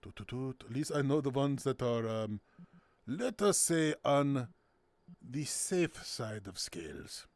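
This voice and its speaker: A playful man chatting his way through a stream, with a gravelly, fry-edged voice. His pitch bounces around a lot as he laughs and jokes. The sound is close and dry, with no room around it. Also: sing-song, takes it slowly, dry recording. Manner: playful and giggly, with silly sound words. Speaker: streamer hosting a game night. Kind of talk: casual gameplay commentary.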